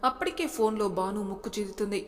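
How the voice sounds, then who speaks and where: A woman storyteller reading a romance in a plain, even way. Her voice sits at an ordinary middle pitch. A long reverb trails behind it. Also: quick pace. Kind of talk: story narration.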